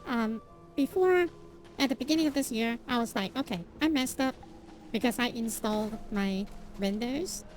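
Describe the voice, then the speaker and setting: Her voice sits on the high side at normal speed over soft background music as she games and chats casually with viewers. A non-native English speaker, she rambles with many fillers and restarts, laughing self-deprecatingly from time to time.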